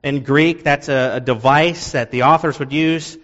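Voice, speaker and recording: Guy preaching slow and earnest in a church, slightly high voice, dull sound with long echo. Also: steady tone, fairly bright tone. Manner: earnest expository preaching with emphatic repetition. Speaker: pastor. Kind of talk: sermon.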